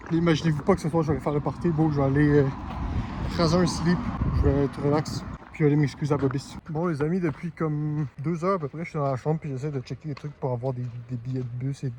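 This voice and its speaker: A man's voice: a little high, noisy background. A young man with a Québécois French accent chatting casually in a travel vlog, rambling and full of slang fillers. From Quebec, Canada. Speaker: travel vlogger.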